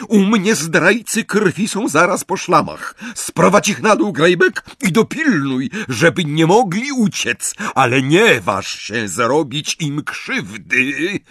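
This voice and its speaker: A man voicing a fierce, unhinged witch with a shrill, screeching voice and manic, domineering commands. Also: a bit bright, breathy edge, no room sound, studio quality, exaggerated voice.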